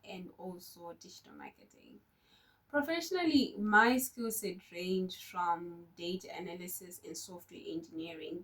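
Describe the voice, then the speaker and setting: A woman giving a prepared conference talk about her work in tech, in an earnest, measured way. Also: mid-range voice, far from the mic, low-quality recording. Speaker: conference speaker.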